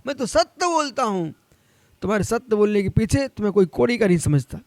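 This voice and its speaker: A man's voice: high voice, very animated, brisk, darkish tone, dry recording. A man, a Jain monk, giving a sermon in an admonishing, direct way, rising sharply when he urges his listeners on.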